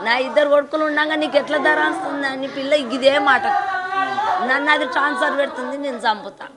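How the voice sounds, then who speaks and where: A woman's voice: high voice, steady tone, fast, over a noisy crowd, very noisy. An older woman with a Telangana Telugu accent, grief-stricken, lamenting and repeating herself as she tells of losing her daughter. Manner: lamenting, repeats phrases, sobbing laughs. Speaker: victim's mother. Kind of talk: grieving interview.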